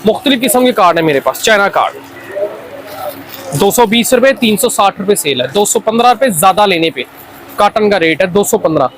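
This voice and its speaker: A Pakistani man pitches wholesale goods in a high-set voice. His delivery is an off-the-cuff hard sell that insistently repeats itself. Light urban noise with traffic sits behind him. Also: lively intonation, normal speed, a bit bright, low-quality recording. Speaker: wholesale toy seller presenting stock.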